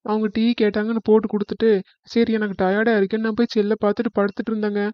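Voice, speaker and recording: A man's voice: extremely high pitch, steady tone, fast, clean tone, no room sound, muffled recording. A man voicing a timid young daughter-in-law in a cartoon comedy, whining and pleading in a scared, tearful way.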